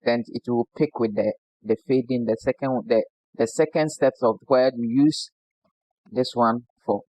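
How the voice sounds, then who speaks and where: Speaking in Ghanaian English, this barber from Ghana walks through a casual hands-on demonstration and keeps asking "you understand?" to check in. The mid-range voice is steady, mellow, and a little slow, though the audio is poor and has no echo.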